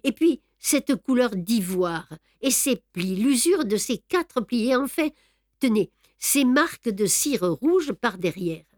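A woman reading the lines of a young male amateur detective who reasons aloud in a measured way. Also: on the high side, very animated, a little mellow, dry recording, studio quality, exaggerated voice. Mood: thoughtful.

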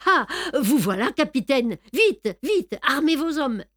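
A woman voicing an excitable, boastful middle-aged man hero who shouts in alarm, in a storybook reading. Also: high-pitched, measured pace, no room sound, clean studio sound, voice pushed up, heavily acted. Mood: alarmed shouting.

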